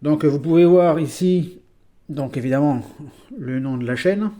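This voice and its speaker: In a casual video, a man from France talks through his toy vehicles at a measured pace, chatty yet hesitating often with fillers and small sounds. His voice sits a little high, warm and mellow.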